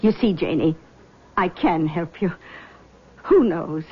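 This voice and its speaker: A woman playing a middle-aged, genteel mother in a drama, soothing and measured, with a subtly manipulative, coaxing manner. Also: fairly low pitch, animated, husky, highs cut off, heavily acted. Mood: persuasive. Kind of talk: scripted drama acting.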